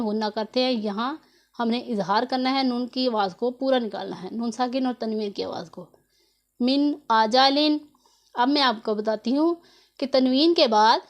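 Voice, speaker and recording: A woman teaching Quran reading rules in a tutorial lesson, patiently repeating and drawing out each example word. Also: fairly high pitch. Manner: slow and patient, drawing out example words syllable by syllable.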